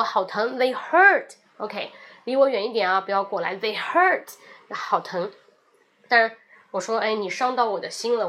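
A young woman teaching beginner English phrases, repeating each one with lively, emphatic drilling and explaining them in between. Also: fairly high pitch. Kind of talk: beginner language lesson.

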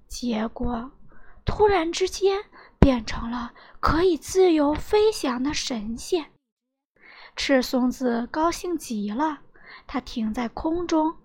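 A woman who teaches Chinese at a primary school, gently reading a folk tale aloud to her pupils. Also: high voice. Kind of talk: storytelling for children.

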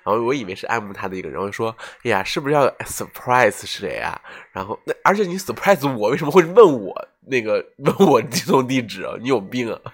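A man's voice: mid-range voice, fast talker, few pauses, husky. A young man hosting a casual podcast chat, telling a story and acting out the quoted lines. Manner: animated storyteller, acts out quoted dialogue. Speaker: podcast host.

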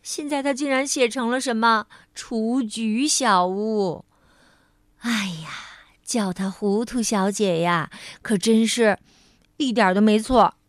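Brief: woman storyteller for kids, slow and expressive, slightly high voice, dry close recording. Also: no room sound. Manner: gentle, expressive, slow, asks the listener questions. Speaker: children's storyteller. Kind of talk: bedtime story narration for children.

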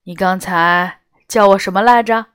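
A woman doing a gruff, grumpy beast. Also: mid-range voice, steady tone, moderate pace, fairly bright tone, no echo, clean studio sound, lightly acted. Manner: gruff, curt and irritable. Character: grumpy fierce male tiger-like beast. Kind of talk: storybook character voice.

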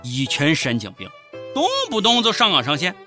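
A man's voice: on the high side, very animated, moderate pace, sharp tone, soft background music. A man with a Shaanxi accent hosting a satirical comedy news show, narrating in a theatrical, exclamatory way. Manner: theatrical mock outrage, exclamatory.

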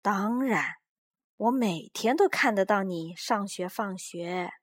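A woman voicing a kindly, lonely retired old man in a storybook reading, speaking gently and unhurried. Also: medium pitch, animated. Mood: gentle.

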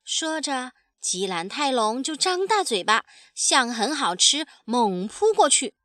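A woman storyteller reading a picture book aloud in an animated way, acting out the sound effects. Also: high-pitched, slow pace, no echo.

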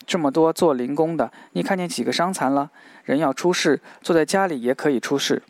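A man's voice: a little high, fairly quick, no room sound, lightly acted. A man reading the lines of a proud, stubborn young woman who answers curtly.

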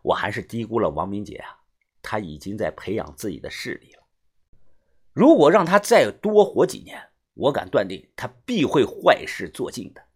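Male audiobook narrator, low and husky, animated first-person storytelling. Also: moderate pace. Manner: lively, expressive storytelling.

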